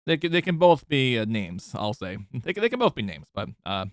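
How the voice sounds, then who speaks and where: A man streaming, giving casual commentary over a video clip, halting and full of fillers and restarts. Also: mid-range voice, very animated, no echo, studio quality.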